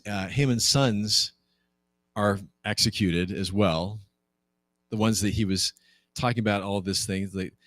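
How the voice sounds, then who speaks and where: A low-voiced man leads a Bible class as its pastor, retelling the story in a loose, conversational way. He keeps turning to the class with rhetorical questions and jumps up in pitch to act out what the characters say. The sound is dry and close. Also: no echo. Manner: conversational and animated, acts out quoted lines with jumps in pitch.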